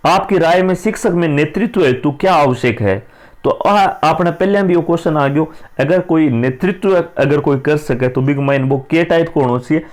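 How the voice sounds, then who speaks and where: A man's voice: on the high side, normal speed, darkish tone. A man teacher with a Rajasthani accent, going through exam questions in a casual, chatty way. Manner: casual, chatty, mixes dialect with Hindi. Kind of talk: exam-prep lesson, explaining answers.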